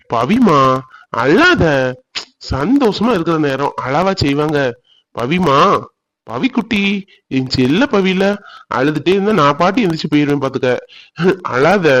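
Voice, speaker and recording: A man voicing a doting young village man in a cartoon, gentle and coaxing. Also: fairly high pitch, no room sound, close to an everyday voice. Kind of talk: cartoon voice acting.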